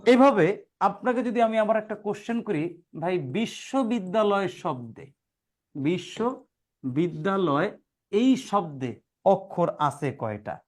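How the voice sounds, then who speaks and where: High-voiced man teaching a class. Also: sing-song, measured pace, darkish tone. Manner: asks rhetorical questions, calls students "brother"; sounds words out syllable by syllable. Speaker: grammar teacher. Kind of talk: classroom lesson.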